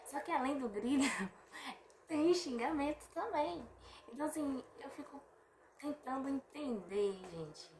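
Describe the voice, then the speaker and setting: A woman giving a casual opinion monologue to camera, chatty and animated, full of rhetorical questions and exasperated sighs. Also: sits high, unhurried, slight background noise. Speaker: vlogger. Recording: echoey room with faint ambience.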